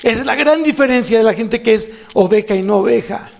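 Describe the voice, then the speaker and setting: A man with a Mexican Spanish accent preaching as a pastor in a church, animated, repeating phrases for emphasis. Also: very high-pitched, fairly quick, gravelly, faint music behind. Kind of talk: sermon.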